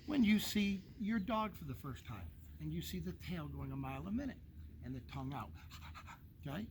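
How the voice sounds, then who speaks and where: A man's voice: fairly high pitch, lively intonation, moderate pace, a little hiss or hum. A man training dogs, explaining behavior to an owner in a folksy way, using homely analogies and checking in with "okay?". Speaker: dog trainer. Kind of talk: casual instruction to a dog owner.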